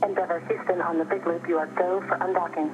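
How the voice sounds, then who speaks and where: A woman giving brisk, procedural mission callouts over a crackly space-to-ground radio link. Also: on the low side, fairly even intonation, over music. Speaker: mission control radio communicator. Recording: muffled lo-fi radio transmission.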